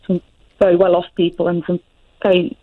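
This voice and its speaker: A woman's voice: lowish voice, completely flat delivery. Hesitant woman on a muffled phone line. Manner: hesitant, halting, with restarts mid-phrase. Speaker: radio phone-in caller. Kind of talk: personal account on a radio phone-in. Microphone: telephone.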